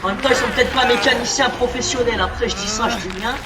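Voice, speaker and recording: A gamer with a very high voice talks fast, joking casually and chatting to on-screen characters as he plays. Heavy background noise and game music fill the echoey recording, made with a distant mic.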